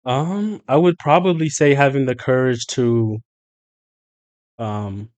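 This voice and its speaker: A man guesting on a podcast, talking casually and earnestly, often pausing to think with fillers. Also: mid-range voice, darkish tone, dull audio. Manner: thoughtful, earnest, with frequent fillers and exclamations.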